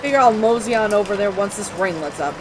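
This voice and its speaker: A cheerful, chatty male hobo from a video game, voiced by a let's-play narrator. He drawls along with a lively, wandering pitch. Steady rain patters clearly behind him. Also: fast talker, noisy background, natural voice. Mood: folksy.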